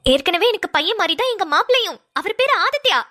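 A woman voicing a kind, tender-hearted middle-aged mother in a homemade cartoon. She speaks gently and motherly, pleading softly. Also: extremely high pitch, very animated, quick pace, full character voice. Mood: gentle.

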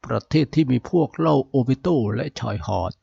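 A man's voice: mid-range voice, creaky, mellow, breathy edge, dry recording, highs cut off. A man narrating a series recap in story form, acting out the characters' dialogue himself as he goes. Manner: narrates quickly and switches straight into the characters' dialogue.

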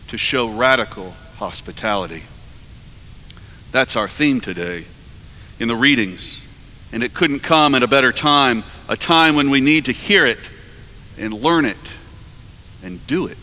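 A man in his forties preaching a sermon from a cathedral lectern, measured and earnest, his phrases trailing off softly at the ends. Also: mid-range voice. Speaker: priest preaching. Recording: long cathedral reverb.

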